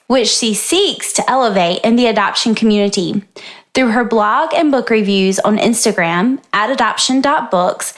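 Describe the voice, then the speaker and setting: A woman co-hosting a casual podcast, joking around with playful asides. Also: a little high. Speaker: podcast co-host.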